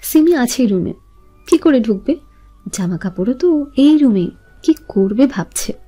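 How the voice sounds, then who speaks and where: A woman narrates a romance in a smooth, steady reading voice. Her tone is high and mellow. Soft music plays under the narration. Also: measured pace. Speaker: storyteller.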